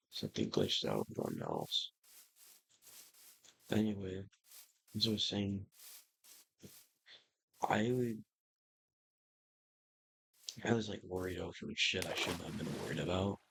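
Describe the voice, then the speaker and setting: A man's voice: deep voice, animated, a little slow, vocal fry, pauses often, fairly bright tone, slight background noise, low-quality recording. A young man chatting casually and rambling over his gameplay, swearing now and then. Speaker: gaming YouTuber. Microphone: computer microphone.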